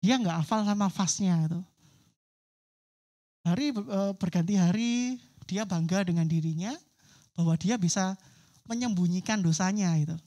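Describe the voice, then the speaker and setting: A woman's voice: on the low side, normal speed, long pauses, dark tone. Woman preaching at church, telling a story, does little voices for the people in it. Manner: vivid storytelling, acts out quoted voices. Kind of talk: sermon storytelling. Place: church service.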